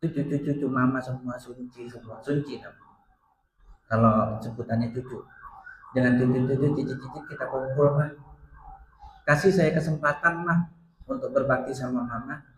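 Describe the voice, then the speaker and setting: A middle-aged man gives a sermon in a mosque, recounting a family story and voicing each person's words with swelling emphasis. His voice sits at an ordinary male pitch. The hall around him adds a clear, roomy echo. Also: fairly even intonation, moderate pace, slight background noise. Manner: retells family dialogue with rising, tearful emphasis. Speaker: preacher.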